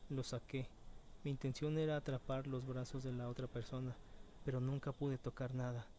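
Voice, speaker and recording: A man narrating a first-person horror story in a measured, suspenseful way. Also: medium pitch, warm tone, slight background noise. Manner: measured and suspenseful, slowing on tense moments.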